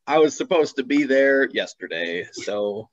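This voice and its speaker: A car enthusiast and YouTuber, appearing as a guest on a video call, rambles through casual anecdotes full of self-deprecating humor. His mid-range voice has lively intonation and an unhurried pace, heard through slightly dull call audio.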